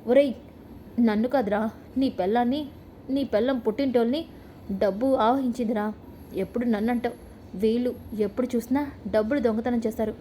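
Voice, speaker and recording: A woman voicing an angry, domineering middle-aged mother-in-law who scolds and insults loudly. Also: fairly high pitch, steady tone, a little fast, long pauses, a little hiss or hum, natural voice. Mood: scolding.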